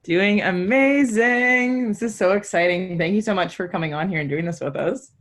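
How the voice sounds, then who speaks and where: Woman hosting, mid-pitched voice. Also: moderate pace. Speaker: host of the online workshop. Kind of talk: casual hosting on a group call.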